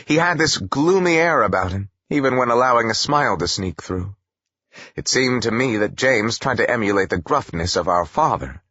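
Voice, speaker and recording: A man narrating a first-person audiobook in a wry, expressive storytelling manner. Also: mid-range voice, moderate pace, breathy edge, no room sound, muffled recording.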